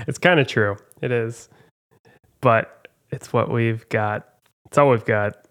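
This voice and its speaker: A man's voice: mid-range voice, takes it slowly, fairly bright tone, clean tone. A man hosting a trivia podcast, chatting casually and teasing his co-hosts with a laugh. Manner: playful, teasing, laughs a lot. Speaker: podcast host. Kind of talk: casual chat.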